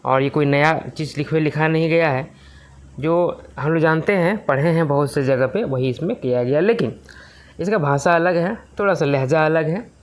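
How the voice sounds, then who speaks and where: A man teaching an exam-prep lesson, reading lyric lines slowly and then explaining them in plain words. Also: on the high side.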